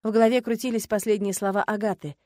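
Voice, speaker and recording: A woman's voice: mid-range voice, fairly even intonation, fast talker, mellow, no room sound. Woman narrating an audiobook, dry close sound. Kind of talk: first-person audiobook narration.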